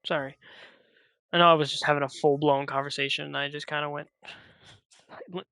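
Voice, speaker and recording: A man's voice: on the high side, little pitch movement, brisk, sharp tone, clear, resonant tone, no echo. A man streaming a video game, chatting casually and rambling as he thinks aloud and interrupts himself.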